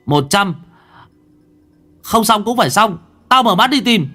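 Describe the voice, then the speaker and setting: A man voicing a frightened boy who counts loudly to keep his fear down, with loud forced bravado. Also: sits high, animated, a little slow, voice pushed up, exaggerated voice. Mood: nervous bravado.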